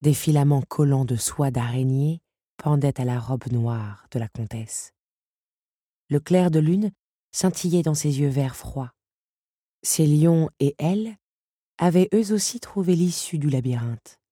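A woman narrating an audiobook chapter with expressive, dramatic storytelling. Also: deep voice, unhurried, husky, no room sound, studio quality.

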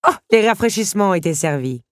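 A woman voicing an excitable, imperious countess hostess, theatrical and gushing. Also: fairly quick, dry recording, clean studio sound, close to an everyday voice. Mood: effusive. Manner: theatrical, gushing, turns shrill and commanding.

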